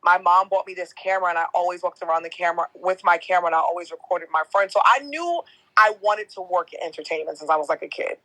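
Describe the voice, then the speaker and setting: A young woman hosts an entertainment podcast, chatting in a casual interview style, laughing often and telling stories in slangy, relaxed language. She talks fast, with a sharp tone and a naturally deeper voice. The recording is dry and the audio quality is poor.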